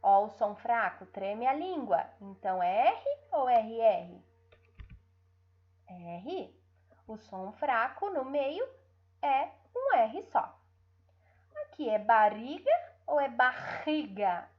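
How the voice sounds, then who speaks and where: Very animated and a little high in pitch, a Brazilian-Portuguese-accented teacher leads an online class for young children, stretching syllables and often adding checking tags. The audio has its highs cut off.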